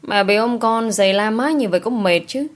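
A woman's voice: fairly high pitch, a little fast, voice pushed up, natural voice. A woman reading as a stern country mother. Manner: firm, scolding.

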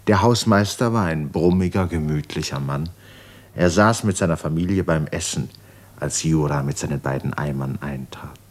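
A male narrator with a very low voice reads scripted literary prose at a normal speed, telling the story of a radio play.

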